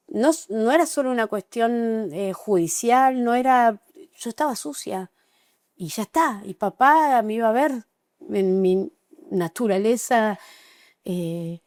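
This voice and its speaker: A middle-aged Argentine woman giving an emotional, halting personal account as an interview guest, with frequent restarts. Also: medium pitch, a little mellow, dry recording, studio quality. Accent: Argentine Spanish. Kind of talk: personal testimony in conversation.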